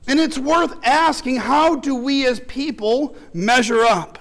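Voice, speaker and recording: A man's voice: extremely high pitch, a little slow, a bit bright. A male pastor delivering an impassioned sermon, building through rhetorical questions.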